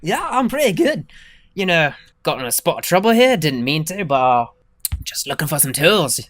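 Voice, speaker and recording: A man's voice: a little high, lively intonation, normal speed, a bit bright. A man doing a sly wheedling rogue. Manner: wheedling, folksy. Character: sly small male rogue faking dwarf accent.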